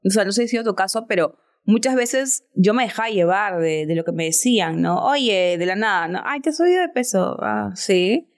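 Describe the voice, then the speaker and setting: A woman's voice: medium pitch, normal speed, hardly any pauses. A woman, a podcast guest telling a personal story in an earnest, reflective way. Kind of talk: casual chat.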